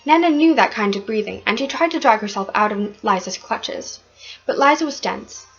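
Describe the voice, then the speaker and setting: Woman reading a kids book out loud, slightly high voice, muffled lo-fi recording. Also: normal speed, husky, soft background music. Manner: expressive, occasional stumbles. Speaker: reader of a children's book. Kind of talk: reading a storybook aloud.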